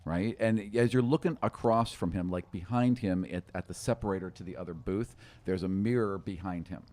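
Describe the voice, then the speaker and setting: Speaking at a normal speed in a low, slightly mellow voice, the middle-aged game master describes the action of a tabletop game in a relaxed way. He sits in a small indoor studio, close to a podcast microphone fitted with a windscreen.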